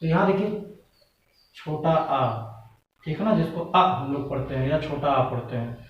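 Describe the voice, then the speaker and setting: A man gives an exam-prep grammar lesson in a patient, repetitive way, asking questions and then answering them himself. His voice sits a little high and comes from some distance off the mic. The room is very echoey and the sound is dull. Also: lively intonation, unhurried. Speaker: Hindi grammar teacher.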